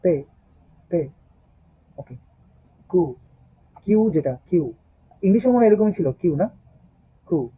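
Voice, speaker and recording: A man's voice: high-pitched, big pitch swings, measured pace, pauses often, breathy edge, no room sound. A man teaching German in an online class. He spells out the alphabet patiently and repeats each sound several times. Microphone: laptop mic on a video call. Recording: dull lo-fi video call audio.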